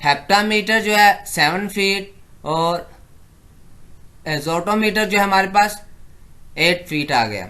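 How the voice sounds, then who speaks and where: Man teaching exam prep, slow, bright, higher-pitched delivery, spells out definitions. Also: animated. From Pakistan. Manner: mixes Hindi-Urdu explanation with slow, deliberate English definitions. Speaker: lecturer. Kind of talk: slide-based exam prep lecture.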